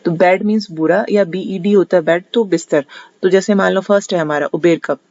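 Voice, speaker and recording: A teacher with a Haryanvi accent patiently explains memory tricks in a general knowledge lesson. They go step by step, restate each point, and pause often. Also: mid-range voice, steady tone, darkish tone, dry recording. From Haryana, India. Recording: dull, lo-fi, dry recording.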